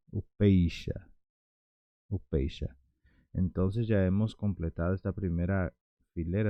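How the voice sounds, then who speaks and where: A man teaching words in a lesson, repeating each one slowly and patiently and stretching the pronunciation. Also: low voice, no room sound, dull audio. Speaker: Guarani language teacher. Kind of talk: slow repetitive language lesson.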